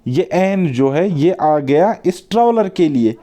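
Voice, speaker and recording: Male tutor going over grammar, mellow slightly high voice, keeps asking the class questions and repeating himself. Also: animated, takes it slowly. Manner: coaxing, repeats words and asks the class questions. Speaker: teacher. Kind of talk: exam-prep grammar lesson.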